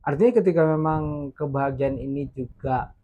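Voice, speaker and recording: A man's voice: a little high, fairly even intonation, normal speed, warm tone, highs cut off. A man hosting a casual podcast, putting probing questions with frequent fillers. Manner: asks probing questions, hesitant with many fillers. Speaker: podcast host.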